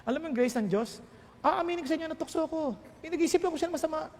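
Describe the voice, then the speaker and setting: With a very high-pitched voice at a racing pace, a middle-aged Filipino pastor delivers a sermon, jumping between Tagalog and English in a playful, emphatic manner. A long reverb tail trails his words.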